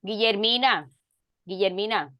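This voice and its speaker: A woman's voice: mid-range voice, bright, forceful tone, no echo. Woman teacher on a video call going over grammar, takes her time, dry close sound, says things twice. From Dominican Republic. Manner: slow, deliberate, repeats phrases. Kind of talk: online grammar lesson.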